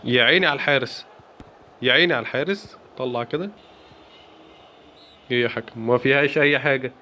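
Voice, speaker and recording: Fast-talking Egyptian man commentating gameplay. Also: mid-range voice. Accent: Egyptian Arabic. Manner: excited, playful, exclaiming. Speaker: gaming YouTuber.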